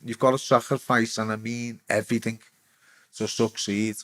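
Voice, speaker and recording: Middle-aged man, Scouse accent, lowish voice, blunt and sweary, halting restarts, candid interview storytelling. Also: level tone, fairly bright tone. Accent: Liverpool Scouse. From England. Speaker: interviewee, former footballer.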